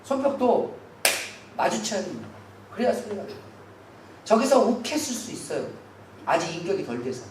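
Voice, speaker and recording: A man's voice: high-pitched, very animated, normal speed, long pauses. A man preaching a Sunday sermon as pastor, earnestly putting rhetorical questions to the congregation. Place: church sanctuary. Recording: very echoey hall, distant mic, faint hiss.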